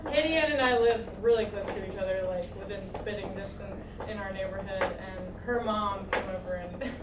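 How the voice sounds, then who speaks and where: A woman's voice: medium pitch, normal speed, background noise. A woman telling a funny story at a memorial, laughing often and saying "like" a lot. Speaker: eulogy speaker. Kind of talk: memorial anecdote. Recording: echoey hall from far off, loud crowd.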